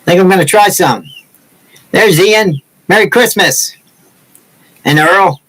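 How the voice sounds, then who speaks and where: A man's voice: high voice, takes it slowly, fairly bright tone, slightly rough, rough recording. A man in his sixties from Massachusetts with no regional accent, chatting casually and teasing viewers as the host of a woodcarving livestream. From Massachusetts, USA. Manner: joking, teasing, rambling.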